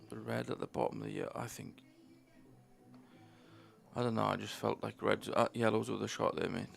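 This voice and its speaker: A man's voice: lowish voice, fairly even intonation, moderate pace, vocal fry, soft background music. A man with a Yorkshire accent co-commentating on pool, casual and blunt about which shot to play. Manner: casual, blunt advice on shots.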